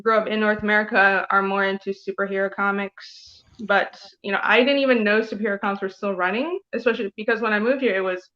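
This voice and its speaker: A woman's voice: medium pitch, fairly even intonation, fast talker, a bit bright. Chatty woman from Taiwan, lo-fi call. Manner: chatty and rambling, heavy use of "like" and "you know". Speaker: guest comic artist. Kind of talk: casual interview chat.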